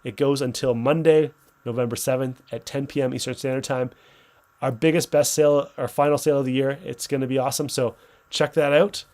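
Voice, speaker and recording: A man's voice: mid-range voice, fairly even intonation, fairly quick, darkish tone. A man hosting a livestream in an upbeat giveaway announcement style, casually reading out viewer comments and answering off the cuff. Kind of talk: upbeat giveaway announcement and live sales chat.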